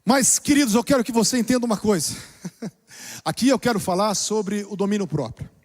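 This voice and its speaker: A man preaching a sermon as pastor, dramatically shifting between soft, low passages and loud exclamations. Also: a little fast. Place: church. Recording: long reverb of a church hall.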